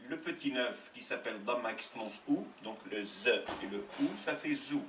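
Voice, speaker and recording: A man teaching letters in a slow, patient classroom manner, spelling out each sound. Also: medium pitch, background noise. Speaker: Arabic teacher. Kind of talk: classroom lesson. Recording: roomy sound from a distant mic.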